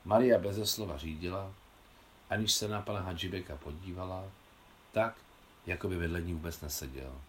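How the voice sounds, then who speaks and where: A man reading his translation of a novel aloud in a calm, measured storytelling manner. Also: sits low, a little hiss or hum. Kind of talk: audiobook narration.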